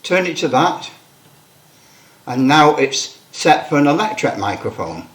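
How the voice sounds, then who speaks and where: This CB radio enthusiast's voice is fairly high, sing-song, unhurried and a bit bright. He casually demonstrates his equipment, talking through his thoughts as he fiddles with settings and microphones, and uses a headset mic for part of the test.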